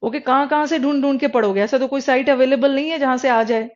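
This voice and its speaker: Female lecturer, high voice, drills pronunciation by spelling sounds out, dull recording. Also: fast talker. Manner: explains pronunciation by sounding out letters, switches between Hindi and English. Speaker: English teacher for exam prep. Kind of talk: classroom lecture.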